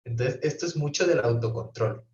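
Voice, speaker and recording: Through the computer mic of a video call, a brief-therapy professor teaches online in a mid-range, darkish voice with lively intonation at normal speed. He lays out ideas one step at a time and keeps checking in with his students, though the audio is roomy, distant, and dull.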